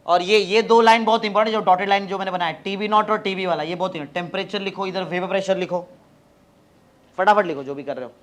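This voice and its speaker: A man's voice: high-pitched, steady tone, quick pace. A man with a Marathi-influenced Hindi accent teaching a chemistry class, hurrying students along and quizzing them. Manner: urgent, keeps urging students to hurry and asking questions. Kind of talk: classroom lecture.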